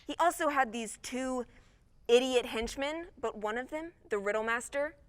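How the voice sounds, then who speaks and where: A woman playing a brash, hot-headed female time cop on stage, excitable and quick with her reports. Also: sits high, clean tone, natural voice. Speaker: stage actor. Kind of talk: live stage comedy acting. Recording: long reverb of a theatre stage.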